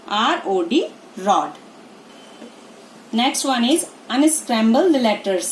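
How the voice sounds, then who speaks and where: A woman speaks slowly in a fairly high voice, sounding out letters one by one for small children. The room rings with echo, and faint noise hangs beneath her voice. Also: darkish tone. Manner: spells out letters slowly, then gives Hindi meanings. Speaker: teacher. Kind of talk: phonics lesson for young children.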